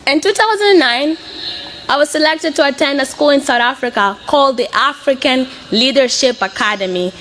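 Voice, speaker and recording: Slight background noise sits under this woman's high voice, which moves at normal speed with a fairly bright tone. She is in her twenties, a native Portuguese speaker with a Mozambican accent, giving an earnest, prepared personal speech as a student.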